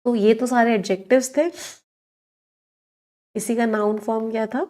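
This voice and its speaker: A woman's voice: on the high side, fairly even intonation, moderate pace, warm tone. A woman teaching English vocabulary in an online exam-prep lesson, explaining words in Hindi mixed with English and asking her students questions.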